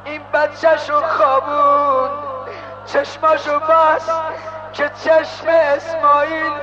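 A man with a very high, flat-toned voice delivers an impassioned sermon, swelling into shouts and chanted phrases. The recording is dull and lo-fi, with music playing clearly behind him. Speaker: religious preacher. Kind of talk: dramatic sermon storytelling.

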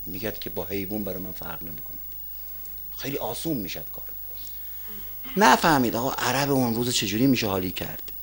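A male preacher delivering a sermon in an emphatic, rhetorical style. His voice surges to forceful peaks and then falls to low, muttered asides. He slows right down when he recites lines of verse. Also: expressive, slight background noise. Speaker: cleric preacher.

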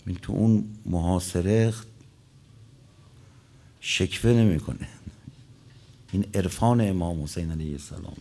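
A man's voice: deep voice, gravelly, long pauses, warm tone, husky. A man preaching a religious sermon, telling stories and quoting Arabic lines, his voice rising and dropping.

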